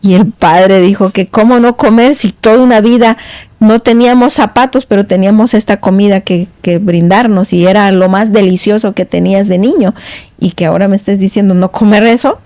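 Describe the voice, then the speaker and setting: Mellow-voiced woman telling a meandering story. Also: mid-range voice, no room sound. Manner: meandering, halting storyteller with many restarts. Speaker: guest. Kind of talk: casual storytelling in conversation. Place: podcast studio.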